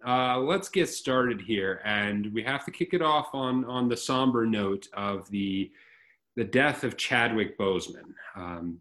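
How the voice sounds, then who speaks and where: A man hosting a movie podcast in casual chat, joking at his own slip-ups. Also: mid-range voice. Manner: self-deprecating, laughs at own slips. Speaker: podcast host.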